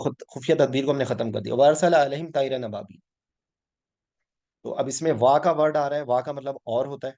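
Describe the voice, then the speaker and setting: Teaching his weekly Quran lesson, this man works patiently through the grammar, often asking "ठीक है?" and dropping English words into his explanations. His voice sits at medium pitch with a slightly mellow tone.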